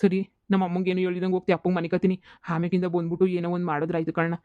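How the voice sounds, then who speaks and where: A man doing a distraught young village gambler for a cartoon comedy, talking fast and pleading. The voice sits fairly high and flat. It comes through dry and a little dull, like a lo-fi studio voice-over. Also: smooth, no room sound, natural voice. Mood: despairing. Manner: pleading, rapid rural talk.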